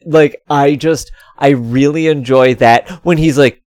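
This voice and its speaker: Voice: medium pitch, measured pace, a little mellow, dry recording, clean studio sound. A podcast co-host chatting casually about a TV episode, rambling with lots of "like" and frequent laughs. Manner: rambling, heavy on "like," laughs often. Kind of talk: casual chat reviewing a TV episode.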